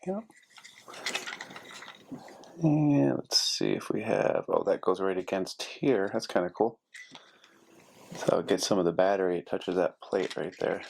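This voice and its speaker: Indoors at a desk in a carpeted workspace, a man casually narrates a hands-on repair like a DIY video host, thinking aloud as he works. His lowish voice is creaky, with a little hiss or hum in the background.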